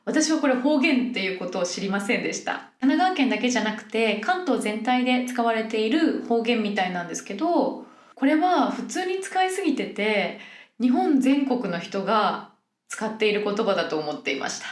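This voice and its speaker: A woman's voice: a little high, expressive, normal speed. A young woman from Yokohama hosts a podcast for Japanese learners, explaining things in a friendly way and acting out example phrases. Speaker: podcast host teaching Japanese. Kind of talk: casual podcast monologue. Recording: roomy echo.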